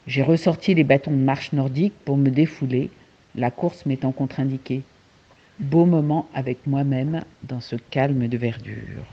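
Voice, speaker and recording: A man calmly reading his own diary entry, on a dull lo-fi recording. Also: mid-range voice, measured pace. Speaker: diarist.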